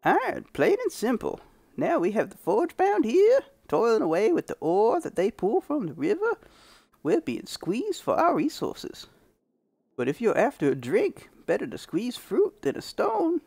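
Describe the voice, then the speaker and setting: A man voicing a grizzled old male prospector who leads a frontier town, with a slow, drawling storyteller manner. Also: very high-pitched, wildly swooping pitch, gravelly, darkish tone, husky, dry recording, studio quality, pitched above the performer's own voice, exaggerated voice. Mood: grim.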